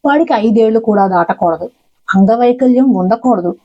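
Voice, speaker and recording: A woman's voice: a little high, normal speed, mellow, highs cut off, close to an everyday voice. A woman voicing a demanding wandering male ascetic who is a god in disguise, in a spoken devotional story. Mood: stern. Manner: demanding, testing.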